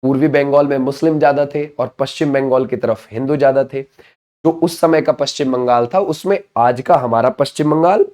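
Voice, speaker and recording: A man's voice: mid-range voice, normal speed, darkish tone. A man giving an exam-prep lecture who keeps asking questions and answering them himself, with frequent check-in phrases. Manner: drilling, asks and answers his own questions; repeats catchphrases to check understanding. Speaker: exam coaching teacher.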